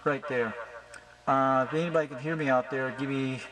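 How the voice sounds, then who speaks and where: A man chats in a rambling, repetitive, casual way while testing his radio gear, like a hobbyist showing off his setup. His voice is medium-pitched at a moderate pace, with a crowd in the background. The very noisy amateur recording carries a loud hum and steady noise.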